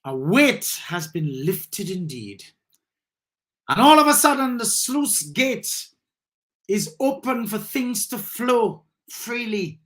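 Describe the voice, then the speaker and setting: Slow, deliberate man. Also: high-pitched, big pitch swings, a bit bright. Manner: deliberate, measured delivery with emphatic rises. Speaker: host of a live session. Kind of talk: reflective commentary turning to motivational preaching.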